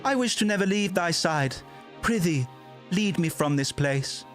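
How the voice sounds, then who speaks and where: A man puts on a young, lovelorn princess for a melodramatic game stage play. The voice is raised and slow, pleading earnestly in old-fashioned speech. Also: high voice, expressive, faint music behind, voice pushed up. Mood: yearning.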